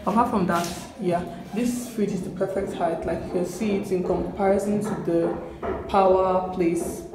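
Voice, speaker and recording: This young Nigerian woman, with a Nigerian accent and a fairly low voice at normal speed, walks through a small, bare apartment chatting casually to a handheld camera held near her face. Her vlog talk is relaxed and full of fillers as she thinks aloud, with echoey empty rooms and background music.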